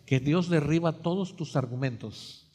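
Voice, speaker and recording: A male preacher with a high voice delivers a dramatic sermon. He fires rhetorical questions at the congregation and swings between hushed and loud. His voice rings with the long reverb of a church sanctuary. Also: unhurried.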